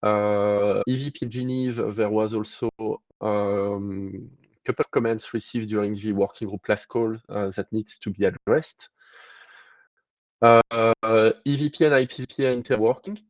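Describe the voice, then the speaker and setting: A lower-pitched man gives halting status updates to an online meeting, stopping often on fillers and restarts. His video-call mic clips and distorts, and the sound is dull and dry with no room around it. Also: fairly even intonation, no room sound. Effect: clipping, distorted mic audio that breaks up. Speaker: working group chair.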